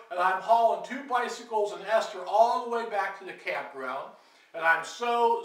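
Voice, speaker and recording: An older man, a grandfather, telling his grandchildren an animated story with dramatic sound effects. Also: high voice, distant mic. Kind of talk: family storytelling. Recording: echoey room, off-mic.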